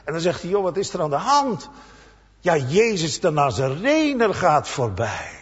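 A man preaching a sermon in a church, slow and emphatic, acting out the cries of the people in his story. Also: a little high, sing-song, slightly rough. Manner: slow, emphatic preaching with dramatic voiced quotes. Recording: dull sound with long church reverb.

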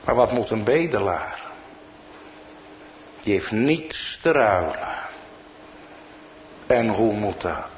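A man's voice: on the low side, lively intonation, slow pace, long pauses, muffled recording, slight background noise. A man with a Dutch accent preaching a sermon as pastor, building to emphatic peaks.

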